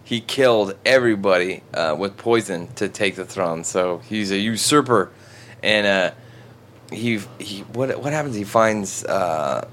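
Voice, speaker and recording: A man's voice: on the low side, lively intonation, unhurried, fairly bright tone, a little hiss or hum. A man casually recapping a movie plot with friends, joking and swearing as he rambles.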